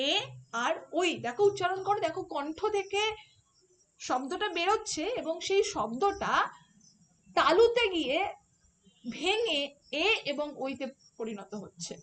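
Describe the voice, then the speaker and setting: A woman teaching a phonetics lesson for an exam, explaining step by step and asking rhetorical questions. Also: high voice. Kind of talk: online exam-prep lesson.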